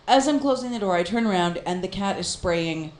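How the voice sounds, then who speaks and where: A woman co-hosting a casual chat, telling a story in an animated way and laughing often. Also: mid-range voice, brisk, echoey room. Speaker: podcast co-host.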